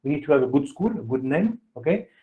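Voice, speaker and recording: A man's voice: mid-range voice, sing-song, fast talker, mellow. A man hosting a webinar as an admissions consultant, rambling through his explanation and checking in with "okay?". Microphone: video call. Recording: tinny phone-like call audio.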